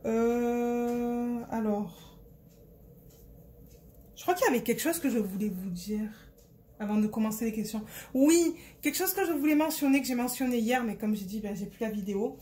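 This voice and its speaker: Slight background noise accompanies a woman from Marseille, France, a diamond painting vlogger with a Marseille French accent, who talks casually to her phone, rambling and searching for words. Her pitch is fairly high and her delivery animated and mellow at a moderate pace.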